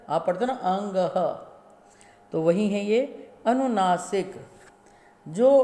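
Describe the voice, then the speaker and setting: Woman schoolteacher, steady classroom lesson delivery, very slow pace, echoey room. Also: medium pitch. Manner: slow, deliberate, spells out sounds syllable by syllable. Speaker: school Hindi teacher. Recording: echoey room with long reverb.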